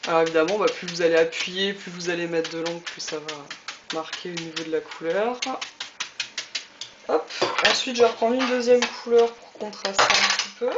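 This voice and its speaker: A woman's voice: fairly low pitch, moderate pace, background noise. Woman, casual craft demo host, chatty and filler-heavy, muffled lo-fi sound, clattering dishes behind. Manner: chatty, many fillers and little "hop" cues. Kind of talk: casual demonstration.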